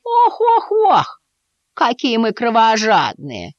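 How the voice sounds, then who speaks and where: A woman voicing a haughty, scolding mother cat in a storybook reading, sharp and mocking. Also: fairly low pitch, wildly swooping pitch, normal speed, no echo, highs cut off, voice pushed up. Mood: scornful.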